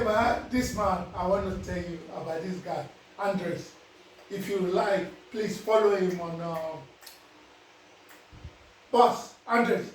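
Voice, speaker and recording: A man with a Nigerian accent and a high voice offers casual life advice to his viewers in a preachy way, repeatedly asking "you understand?" He is far from the mic, the recording is very echoey, and there is slight background noise.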